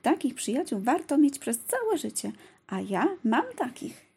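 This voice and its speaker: Woman reading as an eager young princess, bouncy, enthusiastic, lively pitch, husky. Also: measured pace, full character voice.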